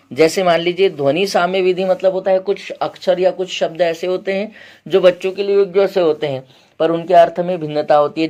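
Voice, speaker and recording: A male teacher giving an exam-prep lecture, explaining point by point, quizzing his students with repeated questions and often clearing his throat. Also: fairly high pitch, darkish tone.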